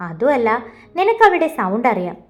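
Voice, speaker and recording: A woman's voice: a little high, sing-song, fairly quick, darkish tone. A woman voicing Chakku, a scheming young male friend in a storybook, eager and conspiratorial.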